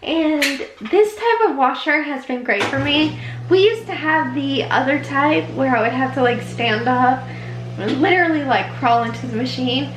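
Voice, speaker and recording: A woman's voice: high-pitched, lively intonation, normal speed, background noise. A young woman chatting casually to viewers, explaining each step of her routine at home. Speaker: vlogger. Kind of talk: casual vlog walkthrough. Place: at home, narrow laundry room and kitchen. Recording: echoey room.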